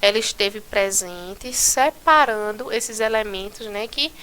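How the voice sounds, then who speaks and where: A woman's voice: medium pitch, a little slow, pushed and bright, clean tone. A Brazilian woman teaching a recorded school lesson, explaining step by step and checking in often with "né" and "tá certo". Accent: Brazilian Portuguese.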